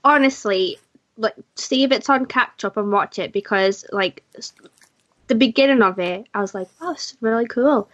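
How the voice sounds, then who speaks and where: A woman co-hosting a podcast, chatting in a relaxed and candid way. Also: fairly high pitch, normal speed, dry recording. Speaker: podcast co-host. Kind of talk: casual chat. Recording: dull lo-fi podcast mic.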